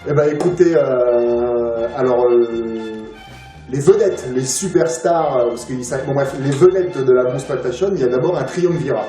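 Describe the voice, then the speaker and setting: A man's voice: mid-range voice, normal speed, mellow. Rambling man, far off in a roomy space. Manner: rambling, many filler sounds and restarts. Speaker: interview guest, film collector. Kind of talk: casual interview. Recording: roomy, distant mic, music behind.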